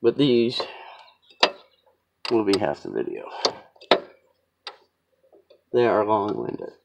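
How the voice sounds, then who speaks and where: A man's voice: lowish voice, sing-song, slow pace, gravelly, noisy background. A man with a stuffy, sniffly cold talks through a car repair in a chatty, rambling, self-deprecating way, working outside in a yard. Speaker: home mechanic demonstrating a repair. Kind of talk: casual how-to car repair walkthrough. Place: outdoors in a yard on a slope.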